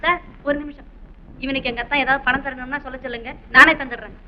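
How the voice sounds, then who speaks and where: An actress plays a forthright young woman who keeps pressing with questions and pleas. Her voice is high and quick. The sound is a dull old film soundtrack. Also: steady tone, close to an everyday voice. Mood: insistent. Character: bold young woman, cousin of the wealthy house. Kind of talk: 1960s film melodrama acting.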